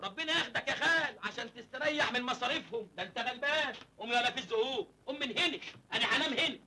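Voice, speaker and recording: A man's voice: very high-pitched, bright, forceful tone, slight background noise, heavily acted. An actor with an Egyptian accent playing a naive, hungry young village man who jokes cheekily with his uncle. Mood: cheeky. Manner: cheeky, joking, fast-talking. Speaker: comic lead in an old film.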